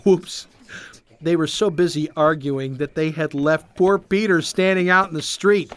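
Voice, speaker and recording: A storyteller reading a Bible story aloud for children in an expressive, animated way. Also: mid-range voice, normal speed, clean tone.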